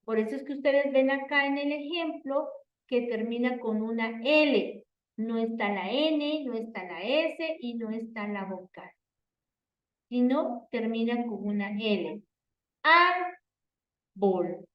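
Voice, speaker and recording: A woman teacher giving an online grammar lesson, explaining slowly and repeating herself with many "entonces" and "por favor". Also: a little high. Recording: echoey, distant, dull online audio.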